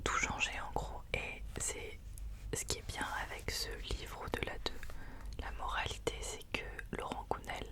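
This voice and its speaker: Someone speaking in a hushed, unvoiced library whisper, sharing and reading books in an informal ASMR style. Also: moderate pace. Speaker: ASMR host. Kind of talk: whispered ASMR book recommendations and reading aloud.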